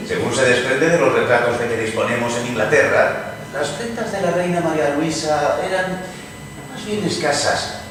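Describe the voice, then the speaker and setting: A man's voice: a little high, moderate pace, fairly bright tone, close to an everyday voice. A man playing a caustic, mocking English poet lord in a dramatized reading, with ornate, insinuating delivery. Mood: mocking, amused. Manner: wry, insinuating, ornate oratory. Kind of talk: dramatized radio theatre reading. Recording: distant, very echoey noisy room.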